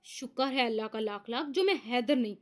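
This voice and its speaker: A dry, unbothered young man who drawls deadpan replies. A woman narrator voices him a little lower and slower than her narration. He sounds settled and unimpressed. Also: lightly acted. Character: young man, calm, dryly unbothered friend.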